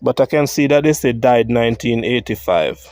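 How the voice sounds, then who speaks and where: A man with a Jamaican accent, walking through a churchyard cemetery on a vlog, reading grave inscriptions aloud and thinking out loud. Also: medium pitch, animated, moderate pace, no room sound. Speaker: vlogger.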